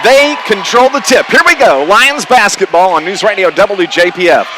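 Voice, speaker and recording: A radio play-by-play announcer with a high voice and sharp tone calls a live basketball game at a moderate pace, using clipped running phrases. Chatter, gymnasium ambience, and bouncing basketballs come through the noisy gym broadcast.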